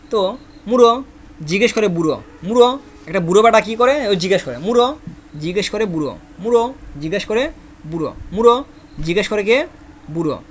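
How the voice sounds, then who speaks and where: A high-pitched man teaches a Korean vocabulary class, saying each word again and again and quizzing his students. A faint hiss of background noise runs under his voice. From Bangladesh. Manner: repeats each word many times, asks the class questions. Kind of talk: classroom lesson with memory tricks.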